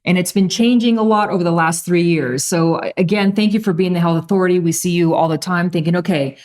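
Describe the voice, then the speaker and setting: A woman's voice: on the low side, brisk, a little mellow. Chatty woman hosting a talk show. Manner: chatty, joking, asks long questions. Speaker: host.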